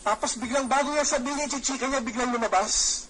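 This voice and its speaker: A middle-aged man with a high voice leads a Taglish training seminar. He talks in a lively way, throws questions at his listeners and slips into little acted-out exchanges. A faint hiss of noise sits under his voice. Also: quick pace, rough recording. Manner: lively, acts out quoted dialogue; asks the audience questions. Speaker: network marketing trainer.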